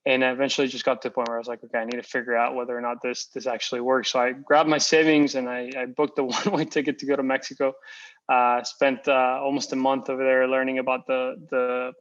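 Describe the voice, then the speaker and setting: Flat-voiced young man, dull audio. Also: medium pitch, fast. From Costa Rica. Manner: relaxed, repeats words, many fillers. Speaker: founder and guest. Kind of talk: casual interview.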